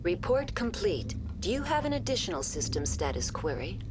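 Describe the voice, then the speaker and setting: A woman's voice: on the low side, normal speed. A woman voicing a polite, formal computer assistant in a video game, with a synthetic, clipped robotic delivery. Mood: reporting. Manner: clipped robotic status reports in a flat formal tone. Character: calm female computer assistant, helpful and formal.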